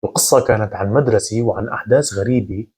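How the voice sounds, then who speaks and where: A man narrating a first-person horror story in a measured, conversational way. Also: lowish voice, darkish tone, slightly rough.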